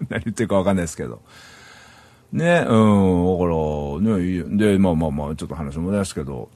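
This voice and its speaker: Solo podcast host, middle-aged man from Saitama, Japan; low voice with a lot of swing, rambling delivery, dry close sound. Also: animated, fairly quick, mellow, dry recording. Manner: rambling, chuckles at himself, many fillers. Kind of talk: solo casual chat.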